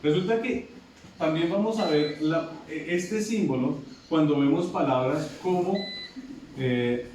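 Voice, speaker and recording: A man with a somewhat high voice lectures to a class, often repeating words and checking that students follow. He sounds far from the microphone in a very echoey classroom. Steady room noise runs under his voice. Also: a little slow. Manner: repetitive, asks students checking questions. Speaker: English teacher. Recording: very echoey classroom from afar, noisy.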